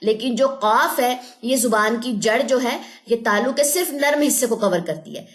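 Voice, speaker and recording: A patient woman with a voice on the high side teaches tajweed in an online lesson. She explains things step by step, checks understanding with "theek hai ji," and drills syllables slowly and drawn out.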